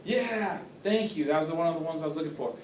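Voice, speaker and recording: A man's voice: fairly high pitch, fast, a little hiss or hum. A man teaching a class, asking questions and praising students' answers. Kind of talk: classroom lesson. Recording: roomy classroom, mic far off.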